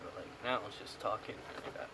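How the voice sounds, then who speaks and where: A young American man rambling casually in a vlog review, talking with a pouch tucked in his upper lip. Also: fairly quick. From United States. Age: young adult. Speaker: product reviewer. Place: small room indoors. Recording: clear background noise on camera mic.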